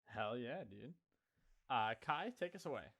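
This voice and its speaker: A man's voice: medium pitch, very animated, unhurried, creaky, a bit bright. A man hosting a podcast, passing the mic along with brief, enthusiastic cheers. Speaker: podcast host.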